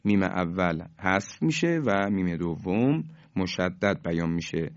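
A man teaching Quran recitation on the radio, explaining each rule and slowing down to model the recited examples. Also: low voice, animated, dry recording, lo-fi sound.

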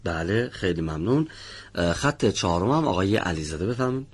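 A man teaching the pronunciation of a letter in a radio lesson, reading model words slowly and drawn out, then correcting learners one by one. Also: low-pitched, sing-song, husky. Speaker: Quran recitation teacher.

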